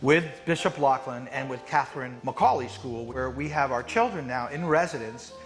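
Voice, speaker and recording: A man of middling pitch speaks with measured conviction about the mission of his program. Soft music runs underneath. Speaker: program leader. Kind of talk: documentary interview.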